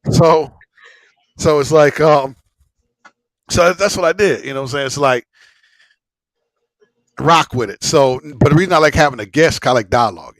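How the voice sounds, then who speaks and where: A man's voice: fairly high pitch, moderate pace, long pauses, no room sound, rough recording. A man hosting a casual livestream chat, rambling and repeating himself with slang and frequent swearing. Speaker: host of a live smoke-session stream.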